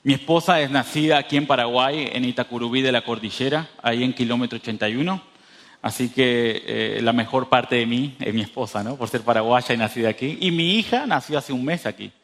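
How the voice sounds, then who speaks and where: A thirty-five-year-old man from northern Uruguay, near the Brazilian border, preaches informally at a youth church meeting in a conversational sermon. His voice is medium-pitched, a bit bright and brisk, with a border accent. He speaks straight to his listeners and repeats phrases for emphasis.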